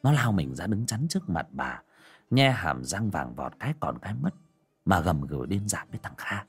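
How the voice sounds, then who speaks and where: A man narrating a dramatic audio story in an expressive way. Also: low voice, normal speed, husky, soft background music.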